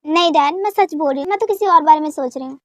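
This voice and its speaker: A woman voicing an anxious, caring young woman who is quick to anger, with a pleading, emotional manner, in a fan dub drama. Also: high voice, a bit bright, no echo. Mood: worried.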